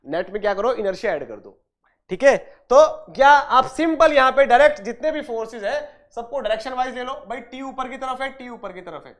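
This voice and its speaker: A man's voice: very high voice, expressive, a little fast, fairly bright tone. A man teaching an engineering exam-prep class. He asks questions and answers them himself, repeats points, calls students dear and brother, and mixes in English technical terms. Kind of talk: online lecture.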